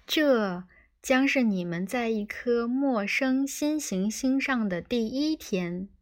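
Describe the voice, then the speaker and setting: A woman's voice: a little high, lively intonation, slow, voice pushed up. A woman voicing a ship's computer with a bossy motherly persona, sugary and scolding in an audiobook reading.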